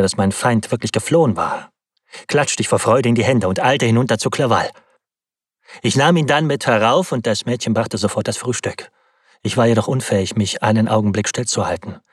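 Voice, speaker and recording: A man narrates a classic novel in first person, his lowish voice carrying a husky, breathy grain. The delivery is measured and dramatic, close-miked and completely dry. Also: no room sound. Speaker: audiobook narrator.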